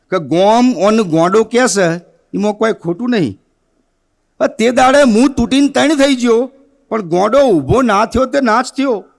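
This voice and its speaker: A man with a reciting poetry at a poetry gathering, chanting verses slowly and then telling a comic tale with quoted dialogue. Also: high voice, gravelly.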